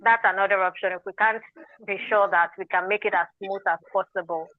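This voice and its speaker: A woman's voice: medium pitch, fairly even intonation, a little fast, no echo. A Nigerian woman talking in a casual online meeting, direct and practical. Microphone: video call. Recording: tinny phone-like online call.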